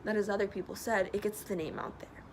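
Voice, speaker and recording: Speaking outdoors beside a loud road, a young woman vlogger answers questions in a casual video while traffic passes. Her medium-pitched voice is quick and stuffy-nosed, and she chats earnestly with lots of ums. The recording is noisy.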